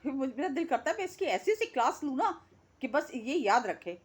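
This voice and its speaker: A woman's voice: high-pitched, big pitch swings, a little fast. A woman giving an indignant, scolding reaction commentary, repeating words for emphasis. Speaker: reaction vlogger.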